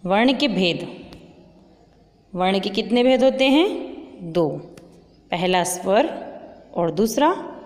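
A woman's voice: medium pitch, darkish tone. A woman teaching a school grammar lesson, asking questions and answering them herself. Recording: long reverb.

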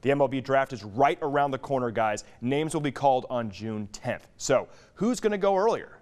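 A man's voice: mid-range voice, animated, moderate pace, a little mellow. A man from Texas co-hosting a TV sports debate, pressing his case firmly with "look" and "okay?". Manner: assertive, argues a point with "look" and "okay?". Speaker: TV sports co-host. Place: TV studio.

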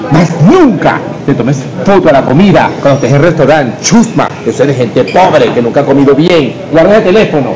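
A man's voice: fairly high pitch, animated, fairly quick, few pauses, a crowd in the background, lightly acted, rough recording. A man acting a scolding, snobbish man in a short comedy clip, lecturing in a vehement, ranting way. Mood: furious. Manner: scolding, vehement, calls people chusma.

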